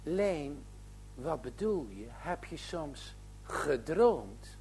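A man's voice: a little high, sing-song, extremely slow, darkish tone, a little hiss or hum, full character voice. A man doing a devout, stern old grandmother. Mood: coaxing. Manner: earnest, admonishing, preachy. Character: devout elderly grandmother, gentle but stern.

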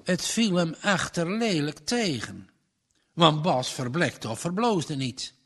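Casting: male narrator, slow storybook read, lively pitch, husky. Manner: slow, measured reading.

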